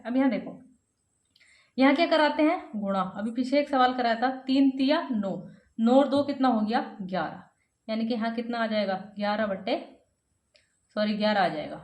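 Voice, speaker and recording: A woman's voice: a little high, reverberant. A woman teaching a step-by-step math lesson, asking her students questions and answering them herself.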